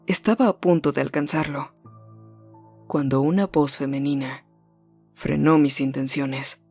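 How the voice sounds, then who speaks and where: A storyteller with a voice of middle pitch, narrating a first-person horror tale in a hushed, measured way that slows and sinks at the tense moments. Faint music runs underneath. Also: fairly even intonation.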